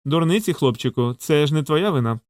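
A man voicing a shrewd old woman shopkeeper who scolds loudly and dotes on the boys. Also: fairly high pitch, animated, brisk, no room sound, clean studio sound, close to an everyday voice. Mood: consoling. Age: older. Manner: scolding, loud and doting by turns.

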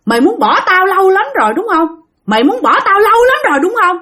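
Woman doing an enraged young man, high, shouting threats. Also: very animated, brisk, husky, exaggerated voice. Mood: furious. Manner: shouting accusations over and over.

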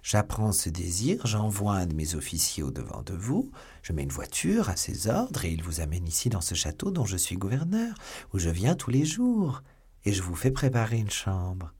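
A sardonic, steely English nobleman, as a male audiobook reader voices him. The voice is deep and husky, close to the reader's own. He speaks in a measured, quietly mocking tone. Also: huge pitch swings, full character voice. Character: stern English baron, sly and mocking. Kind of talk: audiobook character voice.

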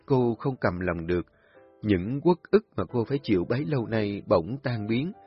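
A male narrator reading a family drama with expressive, melodramatic storytelling. His voice is husky, his pitch moves a lot, and the dry, dull recording carries faint music.

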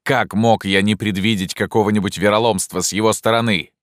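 A man voicing a proud, loyal rebel leader who speaks forcefully and with indignation, in an audiobook reading. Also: deep voice, normal speed, no echo, clean studio sound. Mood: furious.

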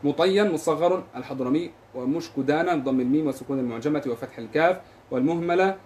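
قارئ رجل سريع جدًا. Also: male voice, fairly high pitch, darkish tone, a little hiss or hum. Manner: reads quickly, spells out vowels and letters. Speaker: reader of the text in a lesson. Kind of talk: rapid recitation of a classical text.

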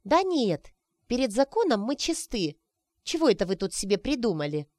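A woman's voice: a little high, sing-song, normal speed, dry recording, clean studio sound, pitched above the performer's own voice. A woman voicing a fussy, bossy young woman who scolds and orders others about.

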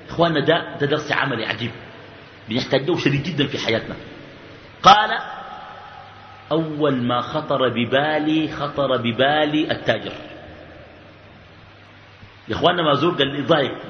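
A man preaching in Sudanese Arabic, his fairly high voice carrying through a large reverberant hall. He slows down to stress key phrases and then rushes through quick asides. The recording sounds dull and lo-fi, with faint background hiss. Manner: animated, swings between slow emphatic phrases and quick asides. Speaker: sheikh giving a religious lesson. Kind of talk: colloquial sermon.

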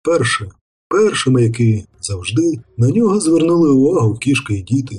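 Husky male audiobook narrator. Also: medium pitch. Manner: measured, even storytelling. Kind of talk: scripted narration.

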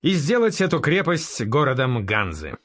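A man's voice: medium pitch, huge pitch swings, normal speed, no echo, pitched above the performer's own voice. A man reading a blunt, defiant raider chief. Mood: brusque. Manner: curt and sharp-tongued. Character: bold, blunt young male raider-merchant leader.

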